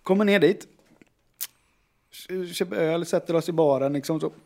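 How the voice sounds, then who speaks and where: A man's voice: a little high, gravelly. A man in a casual chat telling an anecdote, acting out what people said. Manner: animated storyteller who acts out quotes.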